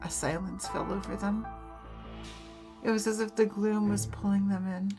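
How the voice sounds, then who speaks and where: A woman's voice: medium pitch, level tone, moderate pace. A woman hosting a let's play, reading a visual novel's story narration aloud. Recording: game music under the voice.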